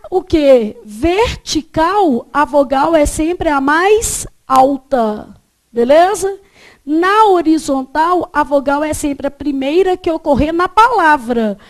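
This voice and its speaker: Brazilian woman, teacher, high voice, classroom lesson that quizzes the students as it goes. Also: expressive, slow. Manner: quizzing students with repeated check questions. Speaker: Portuguese teacher.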